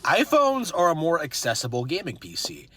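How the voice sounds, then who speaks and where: A man speaking in a short online video, making flat, promotional claims. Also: a little high, normal speed, slight background noise.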